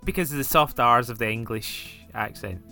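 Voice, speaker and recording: A man's voice: medium pitch, moderate pace, sharp tone, faint music behind. A man with a Glasgow Scottish accent hosting a casual podcast, joking, swearing and stumbling over his own intro. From Scotland. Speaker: podcast host. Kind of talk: casual chat.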